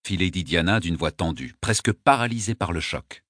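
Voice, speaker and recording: A man reading a first-person novel aloud as an audiobook narrator, measured and dry. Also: deep voice, animated, a bit bright, no room sound.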